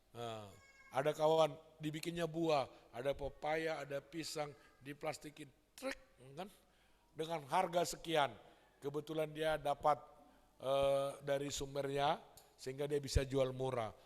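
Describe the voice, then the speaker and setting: A male pastor preaching a lively Sunday sermon, acting out quoted voices and calling the congregation brothers and sisters. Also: on the high side. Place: large church hall. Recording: long church hall reverb.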